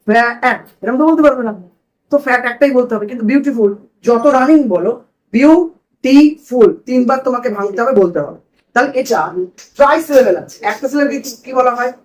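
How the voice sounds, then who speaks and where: A man's voice: very high voice, low-quality recording. A man teaching a grammar lesson to a class in a classroom, asking questions and repeating the students' answers.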